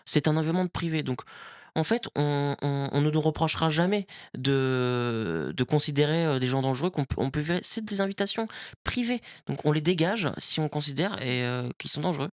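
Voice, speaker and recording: A man's voice: a little high, lively intonation, normal speed, no room sound, studio quality. A man talking casually on a podcast, hesitant, with many fillers and restarts. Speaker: event organizer on a podcast.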